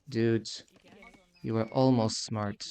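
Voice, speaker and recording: A man's voice: medium pitch, extremely slow, vocal fry, a little mellow. A man streaming live gameplay commentary, sarcastic and complaining as he plays.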